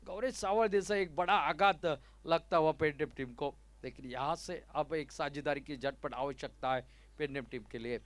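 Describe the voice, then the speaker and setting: A man's voice: on the high side, moderate pace, dry recording. A man with an Indian accent giving live ball-by-ball cricket commentary.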